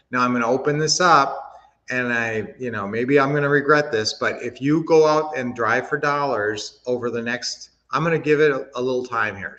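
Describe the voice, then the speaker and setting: A man's voice: medium pitch, fairly bright tone. Guy from minnesota doing a chatty livestream, lots of uhs and restarts, kinda muffled audio. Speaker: real estate investing livestream host. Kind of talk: casual livestream teaching, reading chat comments.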